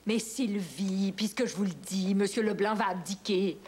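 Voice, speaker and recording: A woman's voice: medium pitch, moderate pace, a little mellow, lightly acted. An actress playing a prim, fussy older mother-in-law, proper and easily flustered. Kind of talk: 1970s sitcom acting. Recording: old TV audio, hiss, laugh track.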